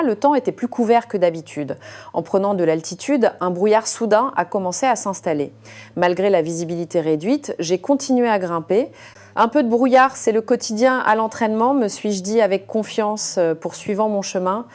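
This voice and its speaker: Mellow-voiced woman narrating a story. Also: mid-range voice. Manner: calm storytelling read with frequent hesitations. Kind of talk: scripted first-person story narration.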